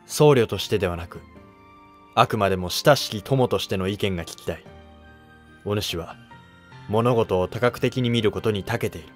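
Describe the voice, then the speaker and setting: An actor playing an earnest, dignified Japanese emperor with stately, archaic speech in a historical drama. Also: male voice, on the low side, normal speed, pauses often, faint music behind, lightly acted.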